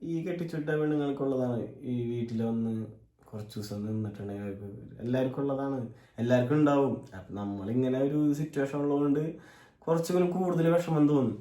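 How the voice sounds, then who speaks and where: A man co-hosting a home vlog, mostly giving brief agreeing replies and calm explanations. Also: medium pitch, fast. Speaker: vlog co-host. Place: family home, indoors. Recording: roomy echoey indoor sound.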